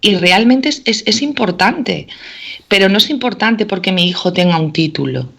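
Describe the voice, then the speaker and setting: A woman's voice: medium pitch, animated, normal speed, creaky, fairly bright tone, breathy edge. A middle-aged woman from Spain, a teacher chatting casually and filling her talk with "o sea" and "¿vale?". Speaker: teacher and guest. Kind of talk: casual chat.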